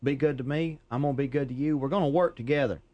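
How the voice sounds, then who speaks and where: A man who is a police officer, a guest on a talk show, explaining things in a calm, measured way. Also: medium pitch, no room sound, muffled recording. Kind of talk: radio talk show interview.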